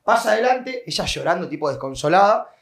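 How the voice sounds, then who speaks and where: High-voiced Argentine man telling a story. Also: a little fast. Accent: Argentine Rioplatense Spanish. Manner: animated, acts out voices and sounds in his story. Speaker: podcast guest. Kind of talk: casual storytelling.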